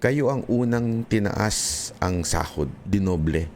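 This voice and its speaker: Earnest low-voiced Filipino vlogger man. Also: animated, takes it slowly, darkish tone, slight background noise. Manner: earnest, mixes Tagalog with English, frequent restarts; addresses viewers directly. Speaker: political vlogger. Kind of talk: impassioned commentary vlog.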